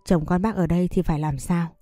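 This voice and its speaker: A woman's voice: fairly low pitch, fairly even intonation, a little fast, warm tone, no room sound, studio quality, soft background music, close to an everyday voice. A woman voicing a grieving young woman, an older sister who speaks in a restrained, coaxing way.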